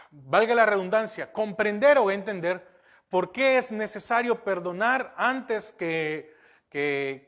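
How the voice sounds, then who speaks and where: Slow, high-voiced male pastor preaching. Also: a bit bright. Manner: slow, deliberate, repeating verses and punctuating with amen. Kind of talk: sermon with scripture reading.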